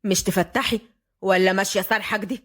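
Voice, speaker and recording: A woman voicing a deep-voiced stern young Upper Egyptian clan head. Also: steady tone, quick pace, close to an everyday voice. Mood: curt, stern. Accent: Upper Egyptian Arabic. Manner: curt and commanding.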